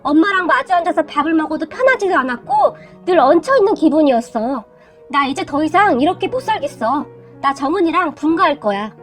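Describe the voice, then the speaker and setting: Brief: firm, fed-up young husband in a storybook reading, read by a woman, high voice, faint music. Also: sing-song, fairly quick. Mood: resolute. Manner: firm, exasperated.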